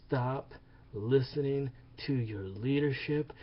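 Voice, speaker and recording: A man's voice: medium pitch, slow pace, dull audio. A man angrily ranting about politics in a profane, heated monologue that repeats itself. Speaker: vlogger. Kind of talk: angry political rant.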